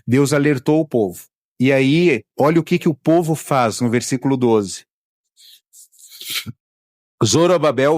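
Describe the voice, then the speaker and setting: A man's voice: mid-range voice, no room sound. Conversational preaching man, dry close sound. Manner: conversational preaching with retold family anecdotes. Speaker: pastor. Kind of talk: sermon.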